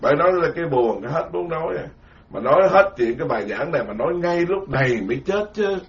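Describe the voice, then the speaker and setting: A man's voice: fairly high pitch, fast. A man giving an informal Buddhist dharma talk, rambling and self-mocking. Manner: self-mocking, rambling, lively storytelling with quoted voices. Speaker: Buddhist monk lecturer. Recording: dull lo-fi recording.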